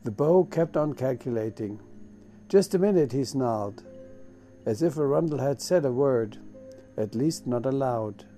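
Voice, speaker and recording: A man narrating a children's storybook chapter in a measured reading manner, lifting his voice for the characters' lines. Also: medium pitch, dark tone, faint music behind.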